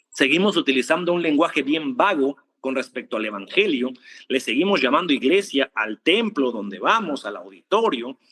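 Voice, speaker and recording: A man's voice: fairly high pitch, husky. A man with an Argentine accent preaching informally to an online audience, joking and asking rhetorical questions. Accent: Argentine Spanish. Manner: animated, rhetorical questions, jokes and laughs. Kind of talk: livestream preaching with viewer greetings.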